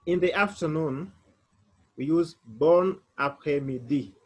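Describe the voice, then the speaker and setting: Slow, spelling-out man teaching French. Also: a little high, a little mellow, breathy edge. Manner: slow, spelling words out letter by letter. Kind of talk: online beginner language lesson.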